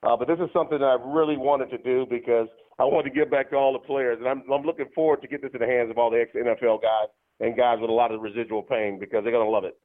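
50s guy calling in on a tinny phone line, talks fast, eager, lots of uhs. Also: mid-range voice, steady tone. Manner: eager, full of fillers. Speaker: radio guest. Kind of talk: phone-in interview.

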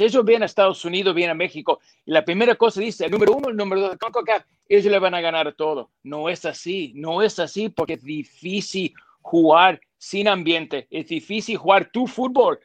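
Man, football pundit, fillers, emphatic, slightly high voice, dry studio sound. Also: dry recording. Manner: emphatic, repeats points, mixes English fillers like "so" and "yeah". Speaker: football pundit, former player. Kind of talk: studio sports panel discussion.

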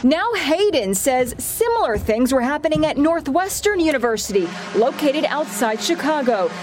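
Tabloid tv lady reporter, high pitched, dramatic scripted voiceover, bit of music under. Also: sing-song, normal speed. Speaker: TV news reporter.

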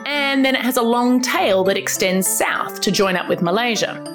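A woman's voice: on the high side, moderate pace, music in the background. A woman with an Australian accent, host of a children's podcast, giving an upbeat, scripted explainer aimed at young listeners. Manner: bright, upbeat storytelling. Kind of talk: scripted educational narration for children.

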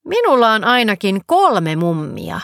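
A woman's voice: medium pitch, wildly swooping pitch, creaky, a bit bright, no echo, exaggerated voice. Lady voicing a chill friendly magic fox, bouncy intonation, dry close sound. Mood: easygoing.

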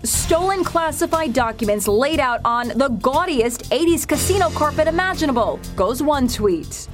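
A woman's voice: high-pitched, expressive, moderate pace. An American woman narrating a scripted tabloid TV report in a punchy, wry manner. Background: music.

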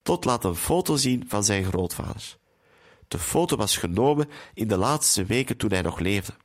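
A man calmly retelling a film's story as narrator. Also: on the low side, normal speed.

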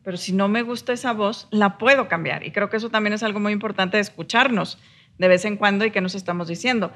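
A woman's voice: mid-range voice, fast talker, a bit bright. A woman co-hosting a podcast, explaining ideas reflectively and ending points with rhetorical tags. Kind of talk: casual podcast conversation.

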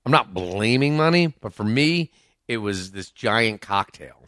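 A middle-aged man with a lowish voice tells his stories frankly and with self-mocking humor, cursing casually as he goes. The sound is close and dry, with no room around it. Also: animated, a little slow, fairly bright tone, dry recording. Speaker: podcast guest, author. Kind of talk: candid conversational storytelling.

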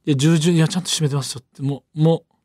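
A man's voice: a little high, rapid-fire. A man with a Kansai accent, chatting casually as a radio show co-host and acting out the voices in his stories. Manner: animated storyteller, acts out voices. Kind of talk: casual chat.

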